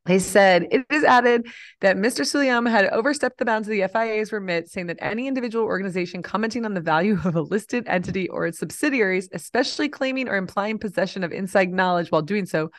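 A woman with a mid-range voice co-hosts a casual podcast, reading news items aloud at a quick pace and then joking about them.

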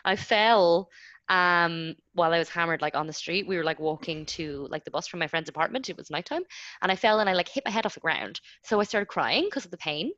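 A woman's voice: fairly low pitch, expressive, fairly quick, fairly bright tone, dry recording, highs cut off. A young woman, chatting casually and animatedly as a podcast co-host, full of likes. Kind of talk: casual chat.

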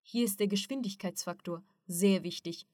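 A calm, learned male mentor, read by a woman narrating an audiobook explains things patiently in a steady, mid-pitched voice. The sound is dry and close. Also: normal speed, no room sound, close to an everyday voice. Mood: explaining.

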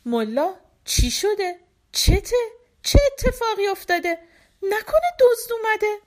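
A woman's voice: extremely high pitch, sing-song, a little mellow, voice pushed up. A woman voicing a sleepy, put-upon village wife who talks in an anxious, pleading, complaining way. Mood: alarmed.

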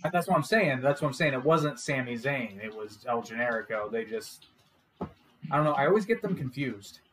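Man, casual podcast co-host, joking and animated, laughs a lot, faint background hiss. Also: mid-range voice, moderate pace, low-quality recording. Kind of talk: casual wrestling chat.

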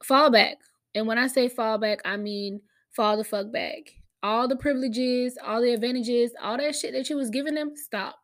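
A woman's voice: fairly high pitch, steady tone, moderate pace. An American woman with a slight cold hosting a casual solo podcast, talking candidly and emphatically in slangy, often profane language. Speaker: podcast host.

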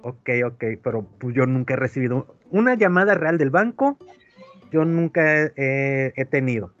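A man's voice: mid-range voice, expressive, moderate pace, dull audio, faint music behind. A man with a Mexican accent rambling through a story in casual chat, acting out the voices of others. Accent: Mexican Spanish. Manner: rambling storyteller, acts out quoted voices, many fillers. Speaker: podcast co-host. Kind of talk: casual chat, telling an anecdote.

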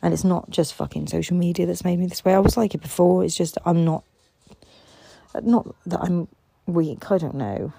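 A woman's voice: fairly low pitch, moderate pace, vocal fry, mellow, breathy edge, no echo. A tired woman in a candid solo podcast monologue, rambling and swearing a lot, frustrated and raw.

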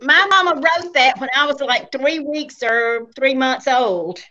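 Bright high-voiced older Southern woman. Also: expressive, a little slow, highs cut off. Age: 70s. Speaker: podcast host. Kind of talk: casual chat.

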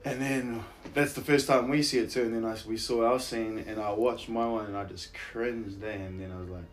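A man in roughly his thirties with a broad New Zealand accent, an actor and musician, chats casually as an interview guest, sharing anecdotes in a laid-back, slangy, self-deprecating manner. His mid-range voice is steady and a little fast, with a bit of hiss or hum.

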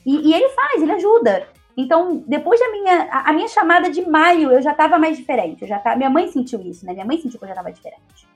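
This interview guest is a high-voiced Brazilian woman with a Brazilian Portuguese accent, chatting quickly in a sing-song way and leaning on tag questions. She's casually telling a personal story over soft background music.

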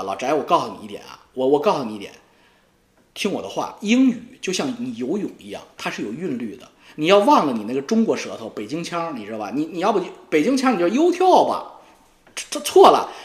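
A man rants in a taunting, profane monologue, as a YouTube commentator goes after a rival. His voice sits a little high and swings widely in pitch. The recording has a roomy echo. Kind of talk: ranting monologue.

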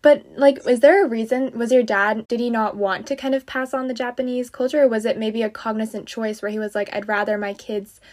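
A woman's voice: on the high side, fairly even intonation, brisk, few pauses, a little mellow. Enthusiastic female podcast host. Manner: enthusiastic, effusive. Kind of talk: warm, chatty interview with scripted intro.

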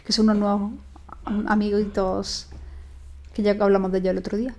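A woman's voice: mid-range voice, level tone, a little fast, a little mellow. A woman co-hosting a casual podcast, speaking with dry humor. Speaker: podcast co-host. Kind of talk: casual chat.

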